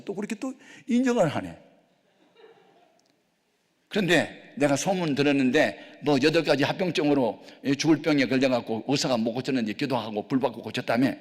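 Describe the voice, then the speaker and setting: An older man preaches in a long, ringing hall, his voice gravelly and rough at the edges. He tells a personal story as a pastor, acting out each exchange with sudden shouts and hushed asides. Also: fairly high pitch. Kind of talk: sermon with storytelling testimony.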